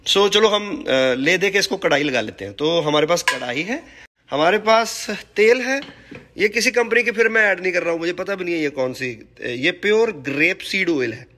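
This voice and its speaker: Hoarse, chatty man cooking. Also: high voice, lively intonation, normal speed, bright, forceful tone. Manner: chatty, joking, mixes English into Hindi. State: slightly hoarse from singing practice. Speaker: cooking vlogger. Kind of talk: casual cooking vlog.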